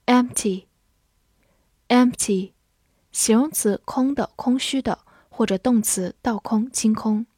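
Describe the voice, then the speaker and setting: A woman English teacher narrating a vocabulary lesson, slowly repeating each word twice before giving its meaning. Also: a little high, mellow, husky, dry recording, clean studio sound. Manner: slow, drawn-out word repetition.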